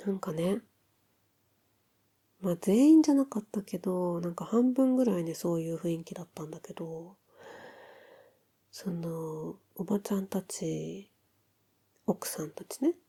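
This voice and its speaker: A woman playing an affectionate newlywed wife in an ASMR role-play of intimate pillow talk, soft, breathy and musing. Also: on the low side, unhurried, pauses often. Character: affectionate newlywed wife chatting softly in bed.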